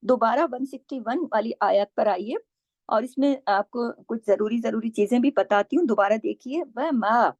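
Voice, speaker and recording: A woman teacher explaining recitation rules, modelling each word aloud between quick explanations. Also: fairly high pitch, darkish tone, no room sound, lo-fi sound.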